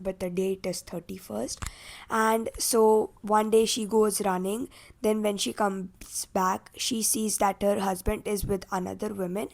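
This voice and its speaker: A woman's voice: mid-range voice, a little mellow. A woman vlogging casually about a book she is reading, with a stuffy, sick-sounding voice and a chatty habit of tagging on "okay?" and "like". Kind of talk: casual reading vlog chat.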